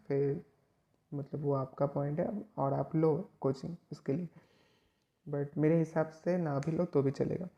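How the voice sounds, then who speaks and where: A man's voice: fairly high pitch, dull audio. A man from West Bengal, a chemistry tutor giving casual, rambling study advice to students, with frequent restarts. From West Bengal, India.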